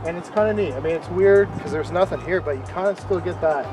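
Man, enthusiastic vlog co-host, slightly high voice, mic at a distance outdoors, over background music. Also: fast talker. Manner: enthusiastic, chatty. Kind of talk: casual on-location presenting. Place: outdoors on a residential street.

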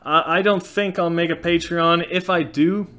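Speaking at normal speed in a slightly high voice, this channel host is a man from Norway in his thirties with a faint Norwegian accent. He chats through a casual Q&A in a small room, candid and lively, with plenty of gestures.

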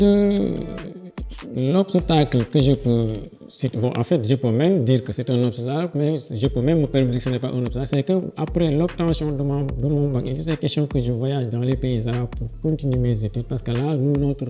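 Soft music plays in the background of this recording, which has the highs cut off. A gravelly, mid-range Senegalese man of middle age, speaking with a Senegalese French accent, is a guest education official answering interview questions in an indoor office with a large window through a lapel mic. He stumbles into restarts and repeated words, but becomes more animated when telling anecdotes.

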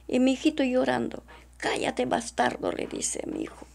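A middle-aged woman testifies in an interview, distressed and halting, and keeps repeating herself. Her voice is deeply gravelly and mellow, and her pitch swings widely as she speaks. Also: huge pitch swings. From Peru. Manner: halting and repetitive, often addressing the interviewer as doctora. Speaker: witness.

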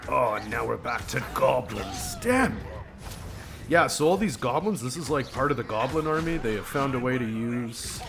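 A man's voice: medium pitch, animated, moderate pace, vocal fry, noisy background. A man hosting a gaming channel, giving casual let's-play commentary in a profane, joking way. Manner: profane, joking, laughs at himself.

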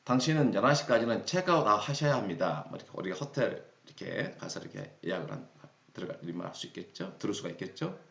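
A Korean man teaching English phrases, reading each example sentence slowly and deliberately. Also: lowish voice, big pitch swings, gravelly. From South Korea. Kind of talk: explaining English phrases in a lesson. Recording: roomy, dull lo-fi sound.

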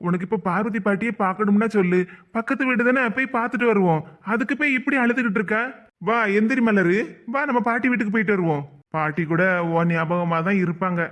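Cartoon: man voicing a chuckling, teasing young husband, Kanyakumari Tamil accent, high voice. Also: quick pace, a bit bright. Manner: chuckling, coaxing banter. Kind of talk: cartoon voice acting.

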